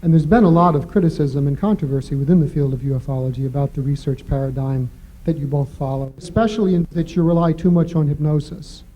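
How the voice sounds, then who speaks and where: A man moderating a panel, putting questions briskly. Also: a little high, fairly even intonation, mellow, rough recording.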